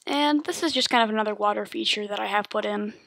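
A woman's voice: mid-range voice, fast talker, vocal fry. A woman giving a casual, rambling voice-over tour of her game world, with lots of ums and likes. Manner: relaxed, rambling with many ums.

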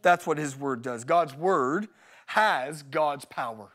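A man with a high, bright-sounding voice preaches at a live church service. He talks with energy and humor, repeating his main lines so they stick. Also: slow pace. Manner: energetic, joking, repeats key phrases. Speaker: pastor. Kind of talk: live sermon with personal stories.

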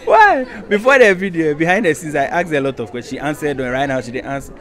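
With a fairly high, slightly bright voice, this street interviewer talks fast with lively intonation. He's a young Ghanaian man, Ghanaian-accented, running a playful night-time quiz on an outdoor rooftop terrace, teasing, laughing a lot, and dropping into Pidgin, all into a handheld mic.

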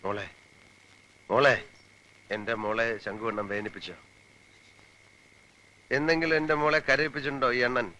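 A man's voice: mid-range voice, steady tone, normal speed, pauses often, pushed and bright, lightly acted. An actor playing a devoted young man in a film scene, pleading earnestly and tenderly. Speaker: film character. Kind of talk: 1990s film acting.

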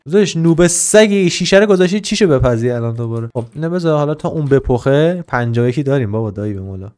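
A man hosting a casual gaming session, narrating his build in an excitable, teasing way and bossing around the creatures in the game. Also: mid-range voice. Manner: excitable, teasing, chatters to the game's animals and villagers. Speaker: gaming channel host. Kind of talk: casual let's-play commentary.

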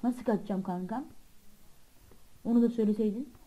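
A woman's voice: a little high, brisk, dark tone, rough recording. A woman hosting a channel, giving frightened, pleading let's-play commentary on a horror game and swearing often. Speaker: gamer and channel host.

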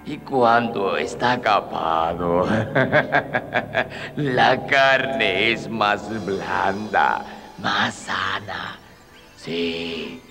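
An actor playing a cruel, scheming older man who speaks slowly and mockingly in a dubbed telenovela. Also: low-pitched, gravelly, bright, forceful tone, heavily acted. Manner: slow, gloating, mocking. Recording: music playing behind the voice.

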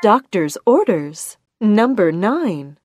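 Woman, bingo caller, short separate announced phrases, animated pitch, clear music behind her. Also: slow pace, dry recording, clean studio sound. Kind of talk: bingo calling with rhyming nicknames, announced number by number.

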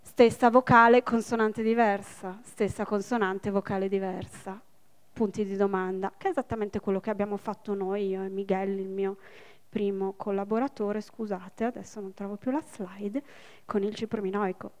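A woman in her forties, a linguist giving a public lecture, explaining step by step with quick asides to the audience. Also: mid-range voice, little pitch movement. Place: public library event hall.

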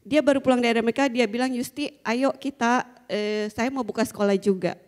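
Middle-aged woman, conference speaker, fairly high voice, chatty and full of fillers, handheld mic, long hall reverb. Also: fairly even intonation, a little fast. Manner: chatty storytelling with frequent fillers and small laughs. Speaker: school founder giving a conference talk. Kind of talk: conference talk. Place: large conference hall with a seated audience. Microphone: handheld microphone.

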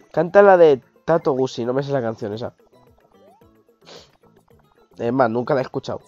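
A man, hoarse from a cold, giving excitable live gameplay commentary, swearing and yelping at mishaps. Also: mid-range voice, dry recording. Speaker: streamer. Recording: dull lo-fi stream audio with game music.

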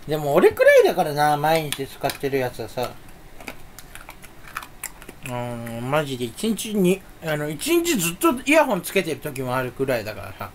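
Young male vlogger, self-mocking chatter, fairly high, swinging voice, faint hiss behind. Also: huge pitch swings, moderate pace. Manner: playful, self-mocking muttering with sudden loud outbursts; talks while sucking candy. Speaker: YouTuber. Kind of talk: rambling solo chat.

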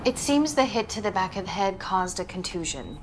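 An actress in her thirties playing a calm, matter-of-fact hospital doctor in a film drama, professional and reassuring. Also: mid-range voice, fairly quick, noisy background, lightly acted. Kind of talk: naturalistic screen acting.

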